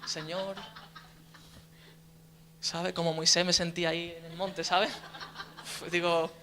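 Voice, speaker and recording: Bright-voiced young preacher. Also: male voice, on the high side, little pitch movement, slow pace. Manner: storytelling, many tag questions, restarts. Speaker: deacon preacher. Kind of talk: conversational sermon.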